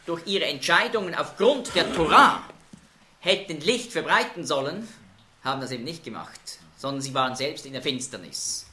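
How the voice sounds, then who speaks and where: Animated man teaching Bible study. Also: on the high side, reverberant, slight background noise. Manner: emphatic, explanatory, asks group questions.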